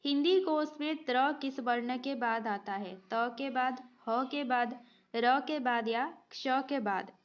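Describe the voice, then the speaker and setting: A woman's voice: high-pitched, takes it slowly, lo-fi sound. A woman teaching Hindi grammar, going through multiple-choice exam questions and explaining each answer patiently, step by step. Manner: patient, explains step by step, often adds a short "okay" check.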